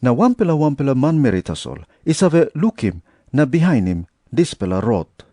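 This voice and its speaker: A man with a Papua New Guinean accent reading scripture aloud in a measured storytelling manner. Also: medium pitch, sing-song, warm tone, no echo, clean studio sound. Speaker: Bible reader.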